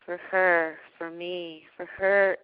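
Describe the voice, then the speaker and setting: Woman host on a call, lowish voice, calm soft meditation guide, dull audio. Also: takes it slowly, smooth, no echo. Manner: calm, softening to a hushed guide voice. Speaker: host of a heart practice call. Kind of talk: guided breathing meditation and chat.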